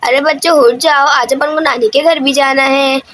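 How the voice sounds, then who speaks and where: A woman's voice: high-pitched, fairly even intonation, normal speed, a bit bright. A woman voicing a cartoon mother who scolds and instructs her son. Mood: homely. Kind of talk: cartoon voice-over.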